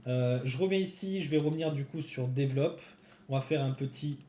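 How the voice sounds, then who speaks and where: A man's voice: mid-range voice, fairly quick, warm tone, roomy sound. A man giving casual live-coding commentary to his viewers, thinking aloud as he types. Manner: thinks aloud, chatty, talks to viewers while typing. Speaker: developer streaming a coding session.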